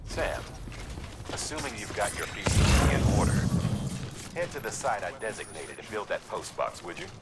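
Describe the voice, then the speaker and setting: An actor playing a middle-aged male mission director giving a courier instructions in game dialogue, measured and instructive. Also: fairly low pitch, big pitch swings. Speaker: mission giver.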